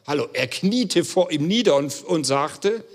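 A man's voice: a little high, lively intonation, measured pace. A man preaching a sermon as pastor, speaking earnestly and emphatically straight to his listeners. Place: church hall. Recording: long church-hall reverb.

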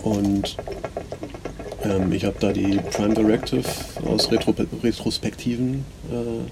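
A man hosting a podcast and musing casually, in a rambling, hesitant way with many fillers, heard on a low-quality recording. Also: steady tone, a little slow, vocal fry, heavy background noise. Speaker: podcast host. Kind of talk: casual reflective monologue.

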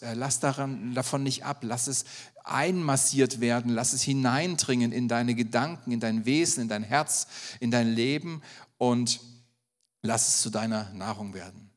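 A male pastor delivers a sermon, regularly turning to the congregation with questions. His mid-pitched voice rings out in a church hall with a long, lingering reverb. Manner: asks the congregation direct questions.

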